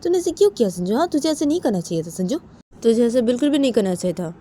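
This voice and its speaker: A woman's voice: on the low side, steady tone, normal speed, warm tone, slight background noise, close to an everyday voice. A woman voicing a young man who chides his cousin for losing his temper, with repeated questions. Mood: chiding.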